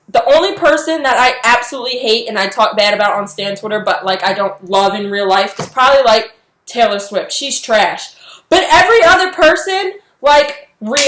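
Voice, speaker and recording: A young woman ranting in a casual vlog, exasperated and animated, filling her talk with "like". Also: high-pitched, reverberant. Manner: animated, exasperated, heavy use of "like". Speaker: vlogger.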